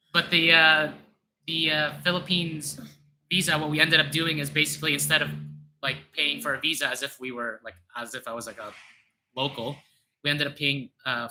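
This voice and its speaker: Man, casual co-host chat, rambling restarts, bright tone. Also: fairly high pitch, moderate pace, pauses often, a little hiss or hum, poor audio. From Canada. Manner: relaxed, rambling, with many restarts. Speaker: travel channel co-host. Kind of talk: casual live-stream chat.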